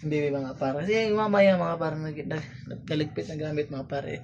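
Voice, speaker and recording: A man's voice: on the high side, fairly even intonation, brisk, gravelly, noisy background. A man with a Filipino accent vlogging casually at home into a phone, mixing Tagalog and English and calling his viewers "pare". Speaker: vlogger dad. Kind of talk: casual vlog chat.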